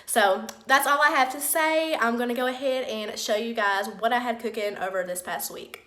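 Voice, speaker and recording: A woman's voice: a little high, moderate pace, sharp tone. A woman hosting her cooking channel, talking in a friendly, chatty way from an empty room that makes her voice echo. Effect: echoey empty-room sound. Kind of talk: casual vlog intro.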